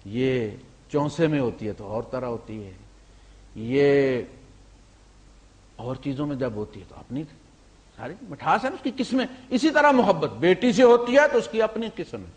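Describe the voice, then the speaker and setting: This man, an Islamic preacher, tells stories in his sermon with a slightly high, very animated voice. He alternates between booming points and soft asides, slipping English words in along the way.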